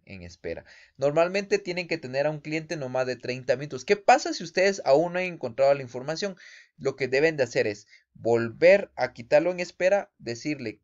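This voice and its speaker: A man at a middle pitch gives an informal lesson, speaking directly to his students and often stopping to check that they follow. He hesitates on small fillers as he goes. The recording sounds a little dull and lo-fi. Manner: addresses listeners directly, frequent "¿sí?" check-ins and hesitant "eh" fillers. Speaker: instructor. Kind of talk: casual spoken lesson.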